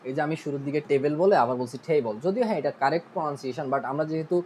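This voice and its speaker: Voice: medium pitch, fast talker, darkish tone, a little hiss or hum, poor audio. A teacher with a Bangladeshi Bengali accent talks through IELTS speaking tips in a casual online lesson. The delivery is chatty, with frequent check-ins with the listeners, and English exam terms are dropped in along the way. The teacher sometimes stops mid-thought to correct an earlier point. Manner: mixes English terms into its explanations.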